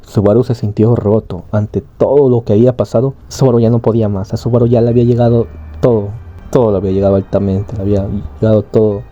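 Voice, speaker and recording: A man retells a novel's plot in a relaxed, rambling way, stacking fillers and tag questions as he goes. His voice sits low and sounds deeply mellow and dark. The recording is muffled and lo-fi. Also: fast talker. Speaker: anime story summarizer.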